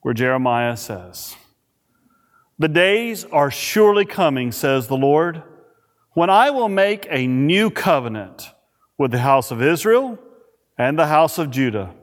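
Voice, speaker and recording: A man's voice: a little high, very animated. Man preaching at a pulpit microphone. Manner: reads scripture and prays in a measured, emphatic way. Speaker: pastor. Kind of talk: sermon. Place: church sanctuary. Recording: reverberant church hall.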